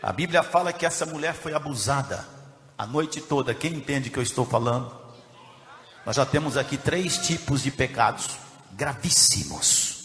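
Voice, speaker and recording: A Brazilian man preaching a sermon as pastor, dropping from low, quiet reading into loud, shouted preaching. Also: lively intonation, moderate pace. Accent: Brazilian Portuguese. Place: church hall. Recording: echoey hall with long reverb.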